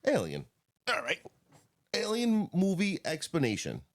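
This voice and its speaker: A man's voice: high-pitched, wildly swooping pitch, measured pace. A man co-hosting a podcast, chatting casually and rambling, often calling his friend "bro". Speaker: podcast co-host. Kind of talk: casual chat.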